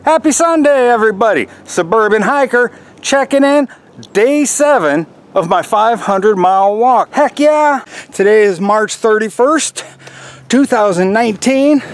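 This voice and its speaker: A middle-aged American man chatting casually to viewers in an unhurried way while walking outdoors, recorded on a built-in microphone with wind noise. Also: high voice. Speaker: hiking vlogger. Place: outdoors in a windy wooded park. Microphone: camera's built-in microphone while walking. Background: wind, faint outdoor noise.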